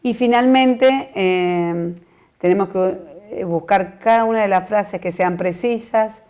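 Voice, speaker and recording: A woman with a Uruguayan Spanish accent teaching a recorded training course, explaining in a measured way with frequent fillers and restarts. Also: medium pitch, a little mellow, smooth. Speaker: course instructor.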